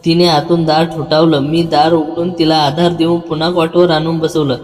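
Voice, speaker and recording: A man narrating a first-person story in a calm, even storytelling manner. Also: on the high side, normal speed. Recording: long hall reverb with soft background music.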